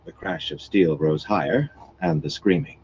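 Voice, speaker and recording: A man reading a fantasy novel aloud in a steady, expressive storytelling manner. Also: very deep voice, normal speed, dull audio, a little hiss or hum. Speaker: audiobook reader.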